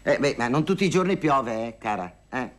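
A man's voice: mid-range voice, animated, normal speed, fairly bright tone, natural voice. An actor playing a lonely older woman who gossips and haggles on the phone in a theatrical monologue, sighing and wryly complaining. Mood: wistful. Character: lonely, wry older woman hiring a dance partner.

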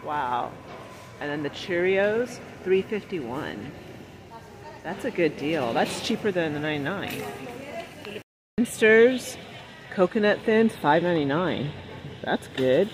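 A woman filming a casual shop-with-me vlog in a large warehouse store. She chats as she goes, reads prices aloud and drops quick excited exclamations. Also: fairly low pitch, slight background noise. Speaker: shopping vlogger. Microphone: handheld phone camera while shopping.

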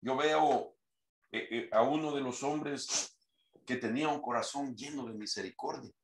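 A man's voice: medium pitch, unhurried, reverberant, a little hiss or hum. A man preaching a sermon, quoting scripture in a raised reading voice. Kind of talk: sermon teaching.

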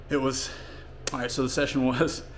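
A man's voice: medium pitch, flat delivery, slow, a bit bright, slight background noise. Guy in his home gym, out of breath, talking through a workout with lots of ums. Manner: explains training plainly between efforts, with fillers. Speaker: fitness coach. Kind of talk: casual workout vlog talk. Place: home gym and outdoors in winter.

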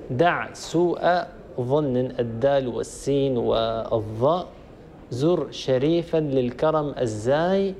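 A man, a sheikh, giving a recitation lesson, slowly drilling examples and rising in pitch on questions. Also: vocal fry, a little mellow, slight background noise. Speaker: sheikh teaching Quran recitation.

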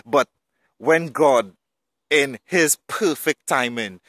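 Man, earnest testimony teller who turns to preaching. Bright tone, dry sound. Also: medium pitch, slow, dry recording. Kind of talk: personal faith testimony.

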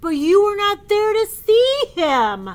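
A gloomy big elephant wails his sorrows loudly in a storybook read-aloud, as a woman puts him on. The voice sits high and draws every word out slowly. His manner is mournful and loud. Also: sing-song, heavily acted. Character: sad gloomy male elephant, big and slow.

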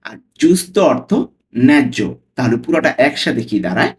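Man, language tutor, slow word-by-word repetition, patient explaining, "okay?" check-ins, middle pitch. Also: expressive. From Bangladesh. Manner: repeats phrases slowly word by word, checks in with "okay?". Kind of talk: spoken lesson, Italian phrases explained in Bengali.

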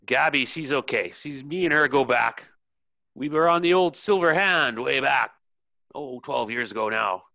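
Man playing a drunk sailor lookout, rambling and gossipy, bright forceful voice, dry sound. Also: mid-range voice, expressive, normal speed, vocal fry, no echo, voice pushed up. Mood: drunk gossip. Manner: slurred, gossipy sailor talk.

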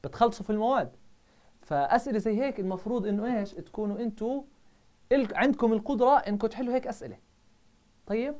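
A man with a Jordanian Arabic accent teaching a live online math review, firing quick questions at his students. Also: sits high, darkish tone.

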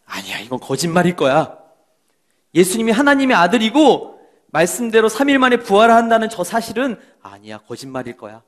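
Man putting on scoffing stubborn priests, high pitched, kids bible story. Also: wildly swooping pitch, fast talker, fairly bright tone, full character voice.

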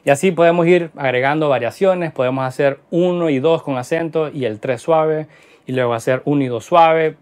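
A man's voice: a little high, moderate pace, a little mellow, clean tone. A man teaching a guitar lesson in Spanish, explaining rhythm patterns and counting beats aloud as he plays. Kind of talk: instructional lesson. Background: guitar playing.

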